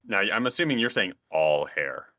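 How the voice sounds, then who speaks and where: Male podcast co-host, very deep but bright and punchy, crude rambling humor, dry mic. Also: very animated, moderate pace, no room sound. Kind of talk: casual podcast banter.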